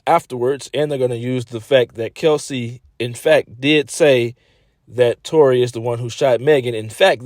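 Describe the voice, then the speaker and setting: A man's voice: medium pitch, dry recording, studio quality. A man hosting, casually summing up a trial for his viewers. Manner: relaxed, addressing the audience directly. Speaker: host.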